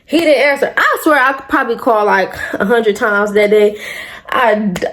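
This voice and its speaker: A woman's voice: on the high side, normal speed, a bit bright. A woman who is a mother tells a personal story straight to her viewers, talking animatedly, swearing freely and calling them y'all. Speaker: vlogger telling a personal story. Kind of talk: casual storytime.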